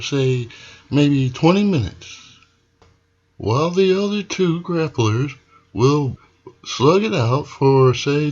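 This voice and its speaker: A man's voice: on the high side, a little mellow, highs cut off. A man playing a stern, indignant wrestling federation president delivering an emphatic, authoritarian wrestling promo.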